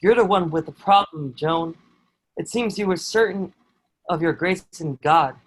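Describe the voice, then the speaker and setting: At a measured pace, a man with a strikingly high, natural voice plays a stern medieval soldier during a table read of a historical drama. The soldier is a proud, dutiful lackey who is secretly in awe of his prisoner, and he speaks in an earnest, formal stage-play style. The recording is rough, with slight hiss or hum.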